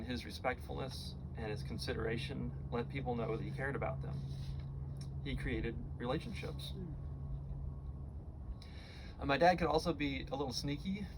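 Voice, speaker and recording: A middle-aged American man giving a heartfelt eulogy for his father, speaking tenderly and haltingly, with pauses and repeated words. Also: mid-range voice, steady tone, noisy background. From Florida, United States.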